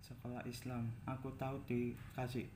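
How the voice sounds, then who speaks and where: A man's voice: medium pitch, completely flat delivery, normal speed, a little mellow. A young man, telling a personal story candidly in a casual chat, repeating his words as he goes. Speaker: guest. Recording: echoey room with faint background noise.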